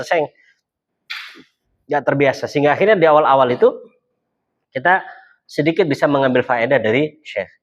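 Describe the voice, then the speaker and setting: A man teaching an Arabic class in a relaxed, chatty way, often repeating words and acting out short dialogues. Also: mid-range voice. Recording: dull lo-fi recording.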